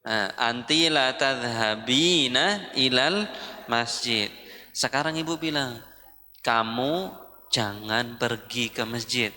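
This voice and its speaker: A man with an Indonesian accent teaching an Arabic grammar class, drilling phrases slowly with his students. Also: medium pitch, bright, forceful tone. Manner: slow, drawn-out drilling with students. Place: mosque hall. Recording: long hall reverb.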